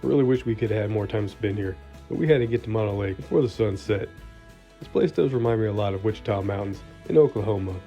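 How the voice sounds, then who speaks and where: A man's voice: on the low side, quick pace, mellow. A man narrating a travel vlog in a scripted voice-over, informative with dry asides. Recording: dull lo-fi voice-over with music.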